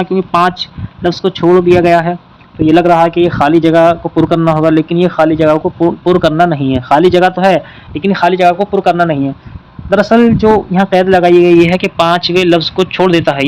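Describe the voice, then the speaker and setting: A man's voice: high voice, darkish tone, rough recording. A man teaching an exam-prep lesson, working through questions and patiently repeating the key points.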